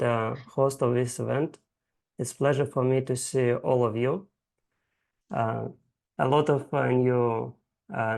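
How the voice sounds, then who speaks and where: Slow, gravelly man hosting a video call. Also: mid-range voice, a little mellow. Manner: halting, many filler sounds. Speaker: host and founder of the club. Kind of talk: online meeting moderation.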